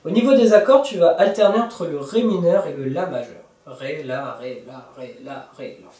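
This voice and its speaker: French guitar teacher in a roomy space. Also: male voice, fairly high pitch, normal speed, warm tone, far from the mic. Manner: talks to the viewer informally, counts beats and sings lyric snippets over guitar. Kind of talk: guitar tutorial explanation. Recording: roomy, from off-mic, with guitar playing.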